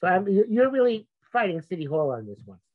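A man's voice: high-pitched, big pitch swings, brisk. Insistent man, phone-like sound. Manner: insistent, argumentative, stammering restarts. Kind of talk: religious debate, conversational. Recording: muffled, narrow phone-like sound.

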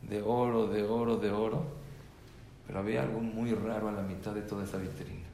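A man's voice: on the low side, little pitch movement, fairly quick, dark tone, a little hiss or hum. A man telling a story to an audience of mothers, repeating words for emphasis and acting out the characters' voices. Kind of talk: storytelling talk. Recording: echoey room, faint ambience.

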